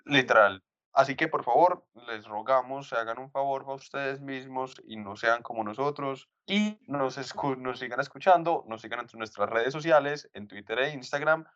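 A man who teases his co-hosts and wraps up the podcast in an easy, wry tone. His voice sits at a middle pitch, and the audio is dull and lo-fi. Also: normal speed, a bit bright. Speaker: podcast host. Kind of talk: casual chat and show sign-off.

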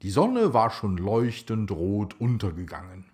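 A man narrating a children's story in a slow, expressive way. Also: on the low side.

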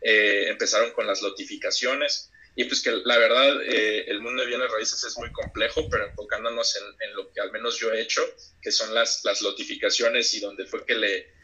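A man's voice: on the low side, fairly even intonation, moderate pace, few pauses, bright, forceful tone, lo-fi sound. A man with a Mexican Spanish accent, chatting as an interview guest, reflective and full of restarts. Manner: reflective, many hesitations and restarts. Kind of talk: casual interview chat.

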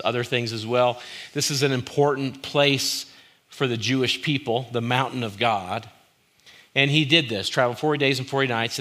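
Male preacher, medium pitch, bright and clear-cut tone; sermon delivery in brief repeated phrases with casual asides. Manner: short phrases repeated for emphasis, informal asides. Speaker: pastor.

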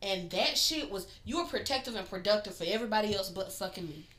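A woman's voice: medium pitch, animated, fast talker, a crowd in the background. Blunt, profane woman in an echoey room. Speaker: podcast co-host. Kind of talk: casual chat.

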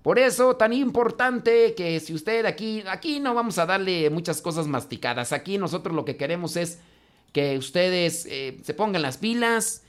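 A man's voice: high voice, animated, moderate pace. A man with a Mexican accent, a priest giving an informal class, chatty and teasingly scolding as he answers questions. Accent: Mexican Spanish.

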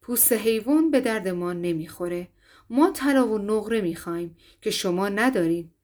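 A woman voicing a stern, commanding male Viking chief in a storybook reading, speaking low and firm. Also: animated, darkish tone, close to an everyday voice.

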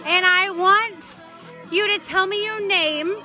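A woman's voice: extremely high pitch, takes it slowly, bright, forceful tone. A woman host doing casual, chatty interviews at a pool party, gushing exuberantly and swearing freely. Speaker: podcast host interviewing camp guests. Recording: music and crowd chatter behind.

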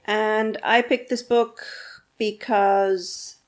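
A woman's voice: mid-range voice, steady tone, extremely slow. A woman co-hosting a book podcast, chatting casually, laughing often, and reading a blurb aloud.

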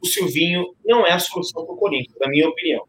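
A man's voice: a little high, racing, fairly bright tone, echoey room, slight background noise. A man on a football podcast panel, arguing his point emphatically and repeating phrases for stress. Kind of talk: casual football debate.

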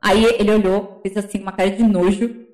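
A young woman telling a personal story in casual chat, animated, acting out other people's words. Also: medium pitch, fairly quick, roomy sound, poor audio. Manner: animated, acts out quoted voices. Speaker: guest.

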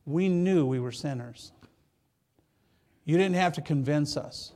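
A Michigan pastor with a mellow, somewhat high voice preaches a little slowly, keeping the sermon conversational. He jokes with the congregation in asides and often repeats words as he begins a phrase.

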